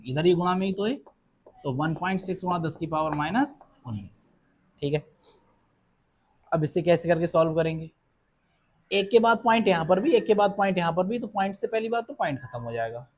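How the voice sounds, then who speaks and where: A man's voice: sits high, darkish tone, a little hiss or hum. Man teaching a class, answering his own questions. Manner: poses questions to the class and answers them himself; reads numbers out slowly and deliberately. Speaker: physics teacher. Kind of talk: classroom lecture. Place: classroom with students present.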